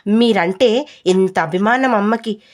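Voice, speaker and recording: A woman's voice: mid-range voice, slow pace, lightly acted. Woman doing a coaxing young wife. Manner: hushed, coaxing.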